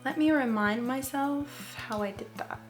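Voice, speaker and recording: A woman's voice: sits high, measured pace. A woman talking casually through a photo editing tutorial, thinking aloud hesitantly and often repeating her words. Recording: music playing behind the voice. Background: music.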